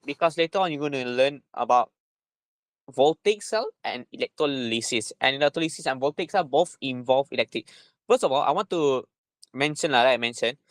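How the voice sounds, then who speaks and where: Male tutor, Malaysian accent, mid-pitched voice, informal lesson style, repetitive phrasing with frequent tag questions, dry sound. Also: dry recording. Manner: repetitive, punctuating with "right?" and "lah". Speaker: chemistry tutor.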